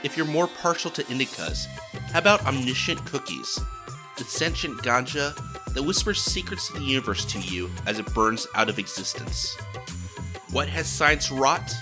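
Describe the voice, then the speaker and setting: A man's voice: mid-range voice, lively intonation, moderate pace, lightly acted. A man voicing a disembodied brain in a jar who hosts eerie audio tales, a theatrical, sly showman. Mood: salesy. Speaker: host. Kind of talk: scripted podcast narration. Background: music.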